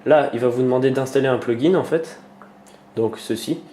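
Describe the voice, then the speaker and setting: A man walks viewers through a computer tutorial, stopping often for fillers and restarts. His voice is mellow and dark, at a middle pitch. The room around him echoes, with a faint hiss underneath. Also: moderate pace. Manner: hesitant, many fillers and restarts. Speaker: tutorial maker. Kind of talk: screen-recorded computer tutorial.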